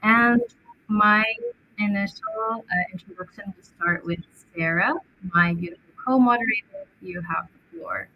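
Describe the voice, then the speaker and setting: A woman's voice: medium pitch, expressive, a little slow, creaky, highs cut off. A young woman from Egypt opening an online panel as co-moderator, upbeat and welcoming, with a few fillers.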